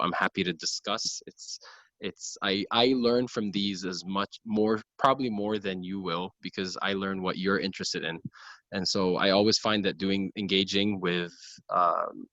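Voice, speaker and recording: A Lebanese gynecologic oncologist gives an informal lecture over a video call, earnest and full of ums and restarts. His voice sits low with a sharp tone, picked up by a computer mic, and the call audio is dull and dry with no room sound.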